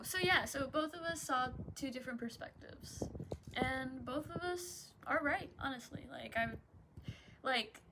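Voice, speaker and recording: Young stoner girl rambling casually, higher voice, real slow n giggly, drifts off, bit of noise behind her. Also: sharp tone. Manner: giggly, often breaking into laughter. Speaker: vlogger. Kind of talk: casual rambling solo chat.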